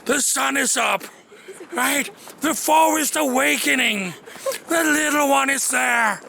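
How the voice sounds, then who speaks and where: Guy with a really high slightly creaky voice, slow, playful vlog chat, windy outside. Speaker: vlog co-host. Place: outdoors in woodland. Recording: wind and outdoor noise.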